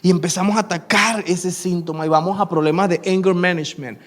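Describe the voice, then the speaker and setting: High-voiced pastor in his 30s, preaching and acting out the people in his story. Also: brisk. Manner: animated storyteller acting out dialogue. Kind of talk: sermon with personal storytelling.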